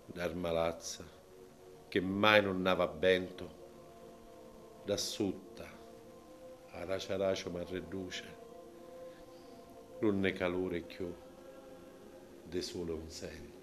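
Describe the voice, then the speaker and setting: Slow, low-voiced Sicilian man reciting dramatically. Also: flat delivery. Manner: theatrical, swinging from hushed to loud. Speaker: poetry reciter. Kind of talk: dramatic recitation of dialect poetry. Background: music.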